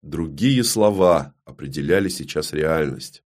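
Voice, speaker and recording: Speaking at an extremely low pitch yet with plenty of expression, a man narrates a dark fantasy audiobook. He tells it gravely and steadily, often lowering his voice to a hush.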